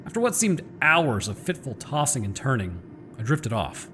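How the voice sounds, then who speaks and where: A man reading a scripted horror story as its narrator, in a measured, formal, literary storytelling manner. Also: medium pitch, very animated, a bit bright, slight background noise. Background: background music.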